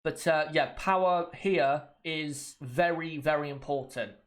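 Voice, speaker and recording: Speaking at a measured pace in a voice on the high side, a UK livestream host with a slight cold talks casually to his viewers during a watchalong, frequently going back over the same points.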